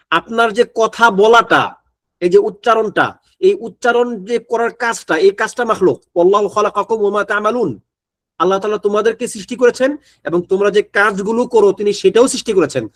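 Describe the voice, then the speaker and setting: A man's voice: high voice, fairly quick. A man teaching an Islamic studies class, reading Arabic text aloud and then explaining it step by step in a conversational way. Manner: conversational, checks in with listeners.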